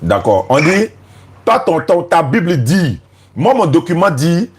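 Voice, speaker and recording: Male debater, slightly high voice, taunting and repetitive, faint noise behind. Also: sing-song, unhurried. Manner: mocking, repeats taunts. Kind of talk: heated interfaith debate.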